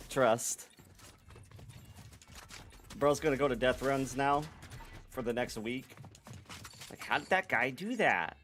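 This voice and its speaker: A man's voice: medium pitch, slow pace, pauses often, a bit bright. A young man streaming a game live, chatting casually to his viewers in a laid-back, slangy way. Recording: noisy background.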